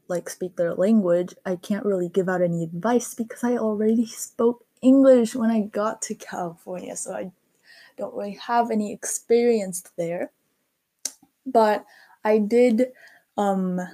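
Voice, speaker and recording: A woman's voice: mid-range voice, mellow. A teenage girl from Korea hosting her own podcast, talking casually with many fillers and small laughs. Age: teens. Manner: chatty, lots of fillers like "um" and "like". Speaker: podcast host. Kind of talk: casual solo podcast monologue.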